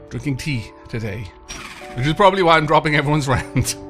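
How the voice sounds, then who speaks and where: Medium in pitch, expressive, a bit bright and unhurried, this man's voice belongs to a let's play host who has a slight cold. He plays while casually commenting, bantering playfully with himself and the game's tenants over background game music.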